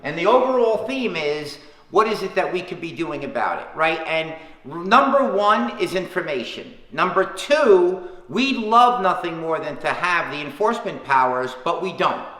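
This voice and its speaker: A town official answering questions on a conference call, his voice bright and a touch high for a man. He speaks earnestly, leaning on his points and counting them off one by one. The line carries a hollow, roomy echo. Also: big pitch swings, moderate pace. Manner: earnest, emphatic, lists points by number. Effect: heard over a conference call line. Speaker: town official leading a public teleconference. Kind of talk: public Q&A answers.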